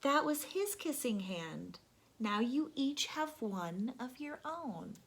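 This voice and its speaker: A woman's voice: high voice, very animated, slow, exaggerated voice. A woman voicing a loving mother raccoon in a children's storybook, speaking in a tender, soothing, motherly way. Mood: gentle.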